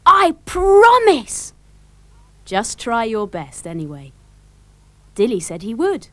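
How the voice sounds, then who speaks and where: A woman with a British accent narrating a children's storybook in a lively, expressive way. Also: fairly high pitch, no echo.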